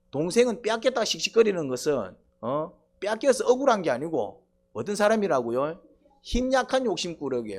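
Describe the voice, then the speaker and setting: A middle-aged male pastor preaching a sermon, quizzing the congregation with rhetorical questions and prompting "eh?". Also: sits high.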